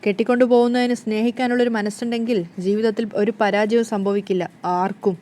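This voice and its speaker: A woman's voice: a little high, level tone, fast talker, mellow, faint music behind, natural voice. Defiant young wife, read by a woman.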